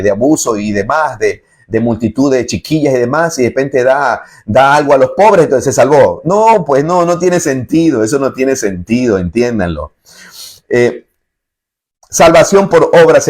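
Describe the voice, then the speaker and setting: Husky-voiced man preaching fervently. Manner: emphatic, scornful preaching with sharp rises in pitch and loudness; slows down to stress scripture quotes. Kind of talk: sermon.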